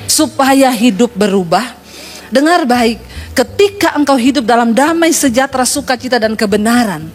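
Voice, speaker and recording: A woman's voice: fairly high pitch, expressive, moderate pace. A woman pastor preaching a sermon, telling humorous stories and speaking straight to her congregation. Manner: humorous storytelling, addresses congregation.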